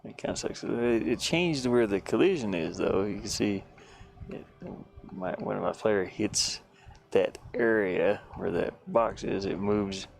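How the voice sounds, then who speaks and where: An unhurried male streamer with a lowish, fry-tinged voice chats about his game as he works on it live from his van. His commentary is casual thinking aloud, and his thoughts tend to trail away unfinished. Steady noise sits in the background.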